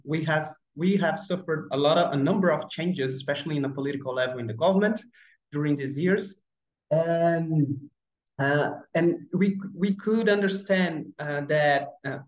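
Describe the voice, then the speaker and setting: A man from Brazil with as his gives an online presentation over a webcam, speaking haltingly with many fillers and restarts. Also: on the high side. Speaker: conference speaker. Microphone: video call webcam. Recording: roomy, slightly dull video call audio.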